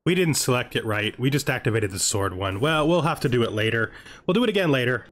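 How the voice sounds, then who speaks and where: Background music plays as a male gaming host muses aloud through a strategy game in a casual, self-directed way. His mid-range voice is a bit bright, moves at a quick pace, and has lively intonation.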